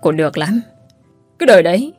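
A woman's voice: on the low side, lively intonation, normal speed, no echo, faint music behind, close to an everyday voice. A woman voicing an angry, threatening husband in an audio story. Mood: furious. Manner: threatening, shouting. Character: angry cheating husband, young adult man.

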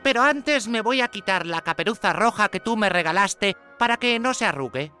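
A man voicing a cheerful, naive little girl in a storybook reading, squeaky, eager and sing-song. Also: animated, moderate pace, sharp tone, soft background music. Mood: wondering.

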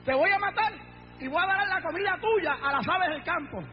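A man's voice: very high voice, normal speed, big-room sound, highs cut off, faint music behind. A male preacher voicing a boastful, menacing giant warrior in a sermon story, taunting and threatening.

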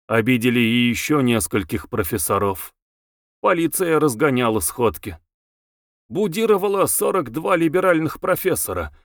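A man narrating a novel as an audiobook reader, with expressive, lively intonation. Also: medium pitch, no room sound, clean studio sound.

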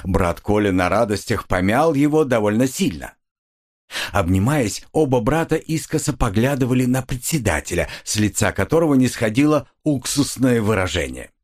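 A man narrating a classic novel as an audiobook in a lively, expressive reading. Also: medium pitch, moderate pace. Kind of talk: scripted literary narration.

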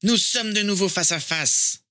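A man voicing a cold, menacing male dark lord in a fan-fiction audiobook, with a high, thin, sharp voice and slow, drawn-out menace.

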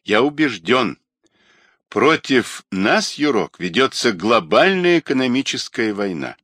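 A man's voice: medium pitch, big pitch swings, measured pace, a bit bright, no room sound, studio quality. A man voicing a stern, suspicious older retired colonel who scolds a younger man.

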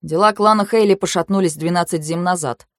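A woman voicing a shrewd young man who questions calmly and pointedly in a storybook reading. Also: lowish voice, no room sound, clean studio sound, close to an everyday voice. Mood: insinuating. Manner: measured, coolly probing.

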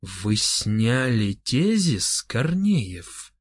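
A man's voice: high voice, animated, a little fast, voice pushed up. A man reading an audiobook, voicing a thin, stern official who speaks coldly and formally. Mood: menacing. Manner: cold, officious. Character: thin stern bureaucrat man, quietly menacing.

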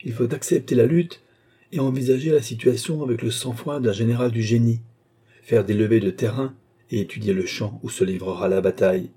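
A man's voice: mid-range voice, fairly quick, slightly rough. A man reading as a cold scheming captain. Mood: cool, disdainful. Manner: calm, disdainful, coolly commanding.

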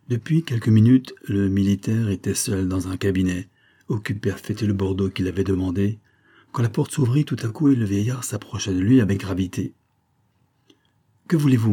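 A man's voice: low-pitched, mellow, breathy edge. A man narrating a historical story in French as an audiobook reader, reading steadily.

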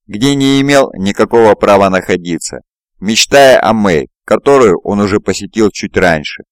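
Low-voiced male audiobook narrator. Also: no echo, clean studio sound. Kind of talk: scripted fantasy narration. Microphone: close mic, home recording.

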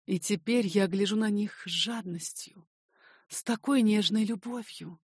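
Woman reading a wistful middle-aged lady of the manor, soft, tender, slow. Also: mid-range voice, breathy edge, no room sound, clean studio sound.

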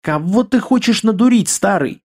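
A male reader voices a sharp-tongued older woman, a retired sniper, in a raised, scolding tone. Her lines sit well above the reader's own pitch and snap with irritation. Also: expressive, moderate pace. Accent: foreign accent when irritated. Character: fiery older woman, former sniper, wife.

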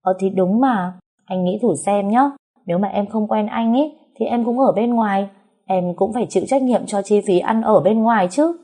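A woman's voice: medium pitch, moderate pace, dark tone, voice pushed up, close to an everyday voice. A woman voicing a naive, stubborn young woman who insists on her point. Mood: insistent.

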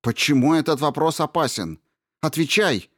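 A man voicing a frightened, impatient young princess in an audiobook, pitched higher and louder, with urgent questions. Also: moderate pace, lightly acted. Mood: urgent, pleading. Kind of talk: audiobook character reading.

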